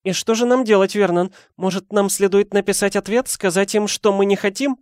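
A man's voice: high voice, steady tone, a little fast, darkish tone, no room sound, clean studio sound, pitched above the performer's own voice, lightly acted. A man reading an audiobook, voicing an anxious middle-aged aunt who speaks in a trembling, frightened voice.

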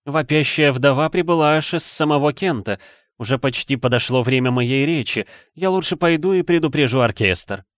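A man's voice: medium pitch, moderate pace, no echo, clean studio sound, pitched above the performer's own voice, lightly acted. A man voicing a proud, melancholy male ghost who speaks formally and pompously in an audiobook reading.

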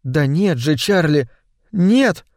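A man's voice: on the high side, animated, unhurried, no echo, studio quality, pitched above the performer's own voice. A man doing a remorseful, apologetic woman. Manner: soft pleading apology.

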